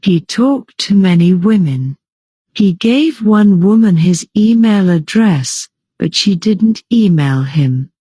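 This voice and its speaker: Slow, lively-pitched woman storyteller. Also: no room sound. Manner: slow, simple, clearly paced sentences. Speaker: storyteller for English learners. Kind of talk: slow scripted story narration.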